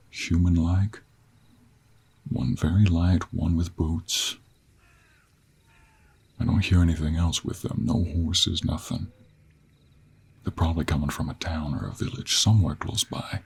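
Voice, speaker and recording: In a fantasy audio roleplay, a man performs a full character voice as a confident, sly cowboy monster hunter, low-pitched and gravelly with an American Western accent. The mood is hushed and alert.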